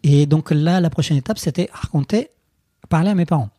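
A man in his thirties from Colombia, speaking as an interview guest. He tells a personal story haltingly, with frequent restarts and fillers. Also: on the high side, dark tone, dry recording. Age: 30s.

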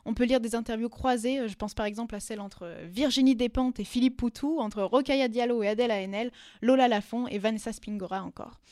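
Female radio columnist, chatty with fillers, higher voice, dry close sound. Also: steady tone, a little fast, few pauses, a little mellow, dry recording. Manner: fluent with frequent "euh" fillers and self-corrections. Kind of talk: presenting a media review on radio.

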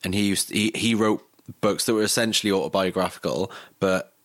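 A young man with a low, slightly bright voice speaks a little fast in a fairly even tone, recorded dry and clean in a studio. Born in Greece and from Cardiff, Wales, he chats casually as an interview guest, recalling his life with some swearing.

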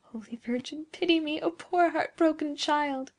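A woman voicing a tender, sorrowful young woman, lonely and pleading, in gentle archaic speech for a storybook reading. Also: a little high, normal speed. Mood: shocked anguish.

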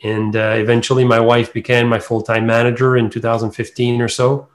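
A man's voice: medium pitch, level tone, fairly quick. Middle aged guy w acadian accent, french speaker talking english, rambly casual interview answers. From New Brunswick, Canada. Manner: rambling, loosely strung clauses. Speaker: singer, interview guest.

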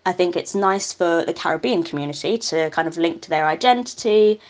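A woman's voice: fairly low pitch, a little fast. A woman answering interview questions, chatty and enthusiastic, laughing now and then. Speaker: carnival band committee member.

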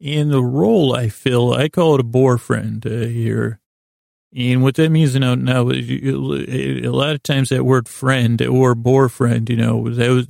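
A gravelly, creaky-voiced man in the mid-range hosts a sleep podcast, speaking calmly and soothingly in a flat, even tone. His bedtime monologue meanders and rambles as he hesitates, halts, and circles back to repeat himself. The recording is dry, with no room sound or echo.

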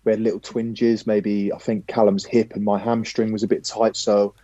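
A man, a professional footballer, telling a lively anecdote as a podcast guest, casually swearing now and then. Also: lowish voice, normal speed, no echo, lo-fi sound.

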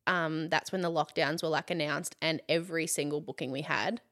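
A woman's voice: low voice, steady tone, brisk, a bit bright. A woman in her thirties with an Australian accent, a chatty interview guest who fills her talk with "like" and laughs often. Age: 30s. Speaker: guest, content creator. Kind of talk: casual interview chat.

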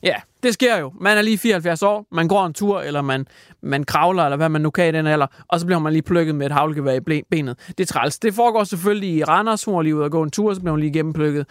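A man's voice: a little high, no room sound, clean studio sound. A man hosting a satirical comedy radio segment, rambling mock-seriously with lots of fillers. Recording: music playing behind.

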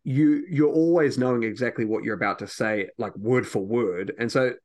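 A man's voice: mid-range voice, normal speed, darkish tone. A man hosting a podcast, chatting eagerly about preaching with many filler words. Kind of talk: casual chat.

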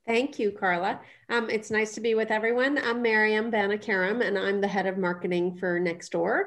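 Wry, casual middle-aged woman, marketing exec on a panel, mid-pitched voice. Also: fairly even intonation, moderate pace, a bit bright. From Iran. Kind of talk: panel introduction.

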